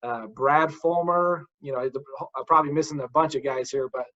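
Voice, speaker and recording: A man in his forties chats as an interview host, eager and full of stories. His voice sits a little high. The audio is dull and lo-fi. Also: moderate pace, fairly bright tone. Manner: enthusiastic, storytelling, says dude a lot. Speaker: podcast host, mental coach. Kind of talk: casual interview chat.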